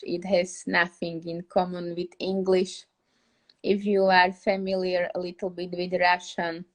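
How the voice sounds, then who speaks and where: Her voice is on the low side: a young Slovak-accented woman from Slovakia giving a relaxed English lesson over a live stream. She talks a lot and laughs often when searching for words.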